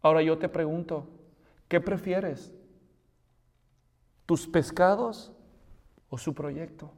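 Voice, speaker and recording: A man's voice: a little high, slow pace, a little mellow, long reverb tail. A man preaching a sermon as pastor, asking the listeners questions and building to emphatic peaks.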